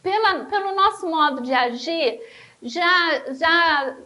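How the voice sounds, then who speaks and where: A woman with a Brazilian Portuguese accent teaching a church Bible lesson, emphatic, slowing down to stress key words and addressing listeners as brothers. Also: very high-pitched, expressive, bright, forceful tone.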